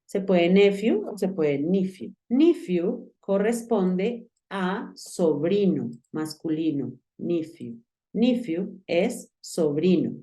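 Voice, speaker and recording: A woman's voice: fairly low pitch, lively intonation, slow pace, mellow. A woman teacher with a Colombian Spanish accent giving an online English grammar lesson, patiently explaining and repeating words.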